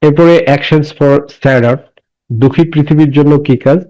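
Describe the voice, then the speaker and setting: A man teaching a class. He asks questions and answers them himself, and reads English sentences slowly and deliberately. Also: a little high, fairly even intonation, warm tone. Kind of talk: classroom lesson explaining English words in Bengali. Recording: dull lo-fi recording.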